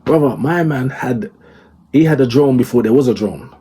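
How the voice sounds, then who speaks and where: A man's voice: mid-range voice, moderate pace, mellow, breathy edge. A man in casual podcast chat, talking emphatically and often checking that the listener follows.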